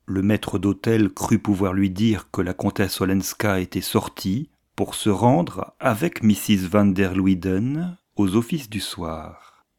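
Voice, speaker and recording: This man reads a classic novel aloud for an audiobook, his voice sitting low. He never loses his composure, keeping the narration steady and the pacing measured in a literary style.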